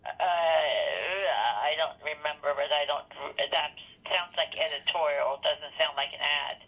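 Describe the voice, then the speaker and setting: A woman's voice: low-pitched, unhurried, breathy edge. A woman working as a newspaper receptionist, heard over a landline phone call, answering in a plain, hesitant way. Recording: tinny phone line.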